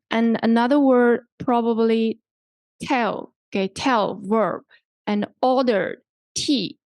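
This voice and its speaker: A woman with a Hong Kong English accent teaching an English pronunciation workshop, pausing often and filling gaps with "like" and "okay". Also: fairly high pitch, a little mellow, dry recording. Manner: halting, fills gaps with "like" and "okay".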